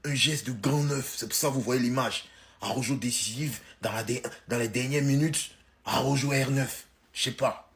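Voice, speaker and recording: A man's voice: mid-range voice, fairly even intonation, normal speed. A man giving heated, casual commentary, exaggerating and then backing off. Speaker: football commentator.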